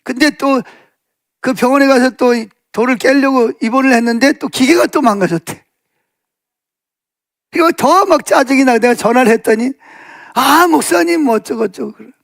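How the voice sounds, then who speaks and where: A male pastor giving a Sunday afternoon sermon in a conversational storytelling way, full of fillers and asides, raising his pitch to act out quoted speech. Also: moderate pace, pauses often, a bit bright, no room sound, clean studio sound. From South Korea.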